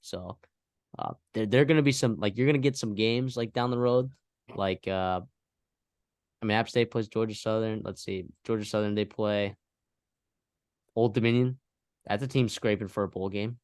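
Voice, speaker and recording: Man, podcast co-host, low voice, rambling sports chat, dry close recording. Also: normal speed, pauses often, dry recording. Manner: animated, rambling with fillers and restarts.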